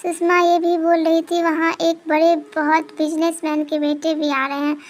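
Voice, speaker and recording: A woman's voice: very high-pitched, completely flat delivery, normal speed. A woman doing a vain spoiled stepsister. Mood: boastful. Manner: boastful, demanding.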